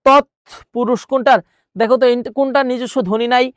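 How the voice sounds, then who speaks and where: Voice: medium pitch, steady tone, fairly quick, no room sound, studio quality. A teacher running an exam-prep grammar lesson, repeating words and questions, asking viewers, then answering.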